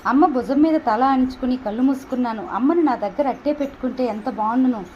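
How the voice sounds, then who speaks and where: Woman reading a novel aloud, first person, high voice, faint hiss in the back. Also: fast talker. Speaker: audiobook narrator. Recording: dull lo-fi recording.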